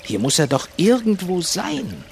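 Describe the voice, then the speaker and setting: A man's voice: high voice, a little slow, creaky, a little hiss or hum. A man presenting a children's radio show, cheerful and playful. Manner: cheerful and playful, with lively intonation.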